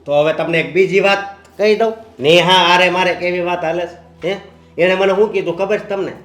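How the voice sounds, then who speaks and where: A man's voice: sits high, fairly even intonation, brisk, a bit bright, reverberant. A man playing a stubborn adult son who nags his father about the inheritance in a family drama. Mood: accusing. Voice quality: insistent, nagging, demanding. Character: stubborn, grasping adult son, sole heir. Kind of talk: Gujarati short film acting.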